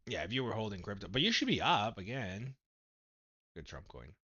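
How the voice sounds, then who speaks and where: A man hosting a casual stock market livestream, animated and laughing, swinging from low mumbles to loud exclamations. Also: normal speed, husky, muffled recording.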